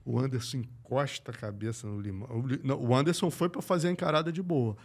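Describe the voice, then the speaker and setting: A middle-aged man with a Brazilian accent, a guest telling a sports story in slangy, profane speech. He swings between loud and hushed and acts out the voices in his quotes. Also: medium pitch, fast. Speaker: podcast guest, combat sports journalist. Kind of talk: animated anecdote telling.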